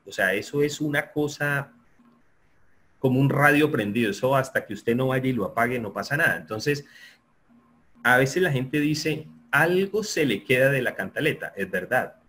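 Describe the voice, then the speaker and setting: A man giving an online lecture, explaining in a steady, repetitive way and often checking that listeners agree. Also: medium pitch, moderate pace, a little hiss or hum. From Colombia. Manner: explanatory, repeats himself, asks listeners for agreement. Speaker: sports psychology lecturer.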